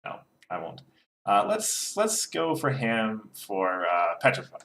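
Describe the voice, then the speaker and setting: Male co-host, low register, halting casual delivery, echoey room sound. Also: very animated, gravelly, fairly bright tone, slight background noise. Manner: hesitant, many fillers and restarts. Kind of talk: casual card game podcast chat. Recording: roomy echo.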